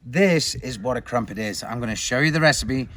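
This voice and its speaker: A man hosting a cooking demonstration, talking in a showy way and swinging between loud announcements and hushed asides. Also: mid-range voice, fast, no echo. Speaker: cooking show host.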